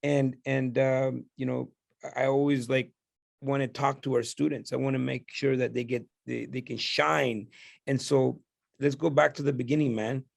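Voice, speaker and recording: Gravelly man hosting a casual chat. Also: mid-range voice, little pitch movement, no room sound, studio quality. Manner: loose, halting, with many fillers and restarts. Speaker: host.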